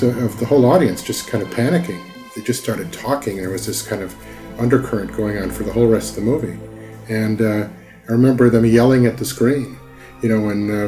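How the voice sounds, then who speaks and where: A man's voice: lowish voice, poor audio. A man in a documentary interview, reminiscing in a rambling way with many fillers and restarts.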